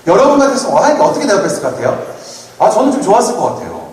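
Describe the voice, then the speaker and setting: A man in his thirties giving a playful, lively sermon at a retreat, often asking the audience questions. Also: sits high, racing. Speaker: retreat speaker. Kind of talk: lively youth sermon with jokes. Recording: echoey hall, mic from far off, faint noise.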